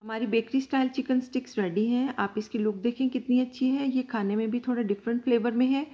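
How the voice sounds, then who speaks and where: Calm woman teaching a recipe at home. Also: fairly high pitch, brisk, dull audio. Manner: calm, instructive, addresses viewers directly. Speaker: cooking channel host. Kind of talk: step-by-step recipe tutorial. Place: home kitchen, indoors.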